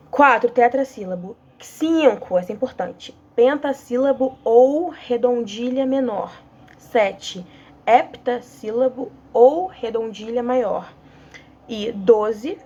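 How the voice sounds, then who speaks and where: A woman's voice: fairly high pitch, dark tone, dull audio. A young woman with a Brazilian accent giving a casual online literature lesson, hesitant and full of fillers and restarts. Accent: Brazilian Portuguese. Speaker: student volunteer teacher.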